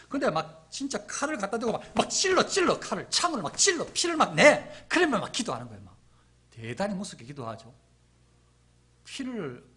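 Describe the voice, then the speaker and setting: A middle-aged man preaching a sermon as pastor, telling the story with lively acted-out quotes. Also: sits high, breathy edge.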